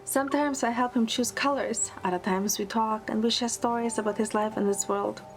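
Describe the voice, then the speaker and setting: In an audio drama with music beneath her, a woman gives a lightly acted first-person narration as a playful, teasing young heroine. Her fairly high voice stays steady at a moderate pace, and the mood is gentle.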